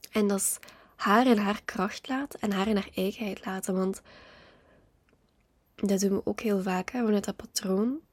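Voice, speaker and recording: Husky reflective Flemish woman. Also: mid-range voice, no echo. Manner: reflective, candid, many asides and soft trailing words. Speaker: podcast host. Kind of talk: personal storytelling monologue.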